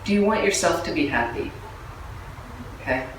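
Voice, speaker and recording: A woman's voice: lowish voice, animated, moderate pace, distant mic, background noise. A woman giving a Buddhist dharma talk to a group. She speaks conversationally and with humour, often putting questions to her listeners. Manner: conversational, humorous, asks the audience questions. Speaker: Buddhist nun and teacher. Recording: echoey room, voice from away from the mic, faint background ambience.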